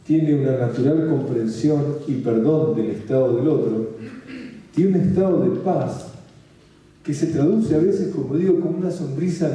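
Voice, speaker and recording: A man with a Rioplatense Spanish accent gives a calm spiritual talk, repeating his points and asking listeners if they follow. His voice is very dark and mellow. It rings out in a strongly reverberant room, picked up from a distant mic. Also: mid-range voice. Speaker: spiritual speaker. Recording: very echoey room, mic far off.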